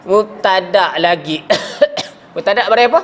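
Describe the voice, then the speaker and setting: His voice sits high and a bit bright, and he speaks unhurriedly. He's a Malaysian Malay-accented man giving a classroom lesson on Arabic grammar, regularly asking the class questions, coughing, and sometimes trailing off mid-word.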